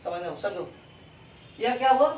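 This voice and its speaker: A man teaching physics in a classroom, speaking slowly and pausing over each step. He keeps asking his students questions and then answers them himself. His voice comes from some distance away and echoes around the room, with faint room noise underneath. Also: high voice, animated, a little mellow, lo-fi sound. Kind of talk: classroom lecture. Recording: roomy classroom sound from a distance.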